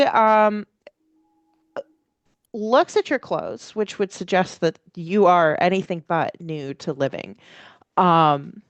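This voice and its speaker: Smooth low-voiced woman game master. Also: dry recording. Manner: hesitant, piecing descriptions together as she goes. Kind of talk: improvised tabletop game narration.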